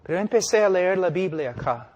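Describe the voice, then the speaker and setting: A man preaching a sermon, emphatic and full of rhetorical questions, his voice swinging between loud and hushed. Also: sits high, lively intonation, a little fast. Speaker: pastor and missionary preacher. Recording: long reverb of a large hall.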